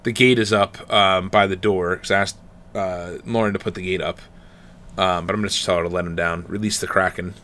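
A young man co-hosting a casual podcast, joking around in an animated way. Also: low-pitched, brisk, slight background noise. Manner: animated, jokey, puts on silly voices for his dog. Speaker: streamer and podcast co-host. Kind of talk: casual chat.

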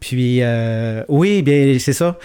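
A middle-aged man with a Québécois French accent, a schoolteacher guest in a casual conversation, telling lively stories and often chuckling. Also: mid-range voice, extremely slow, clean tone.

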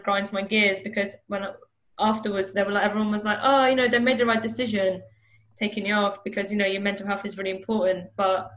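A woman's voice: mid-range voice, fairly bright tone. A woman being interviewed, telling a personal story in a rambling, casual way and acting out what people said. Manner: rambling, acts out quotes with "I was like". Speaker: interview guest.

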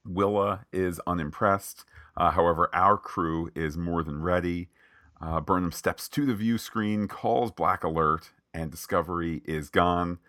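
A man with a very low voice and a bright, forceful edge co-hosts a podcast episode recap. He rambles through the plot with many fillers and jokey tangents. The sound is dry and close. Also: unhurried, no echo. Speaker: podcast co-host. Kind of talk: recapping an episode in casual chat.

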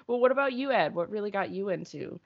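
A woman's voice: medium pitch, animated, fast talker, dull audio. A woman from Massachusetts co-hosting a podcast, chatting casually with lots of fillers. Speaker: podcast co-host.

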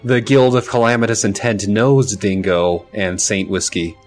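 A man's voice: fairly low pitch, steady tone, unhurried, faint music behind. A man casually improvising as a player in a tabletop role-playing game, playful and given to swearing.

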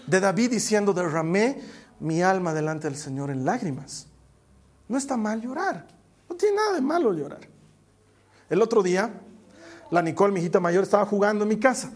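High-voiced male preacher, hushed to loud. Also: lively intonation, fairly quick. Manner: dramatic swings from loud to hushed. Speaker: pastor. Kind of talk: sermon with personal story.

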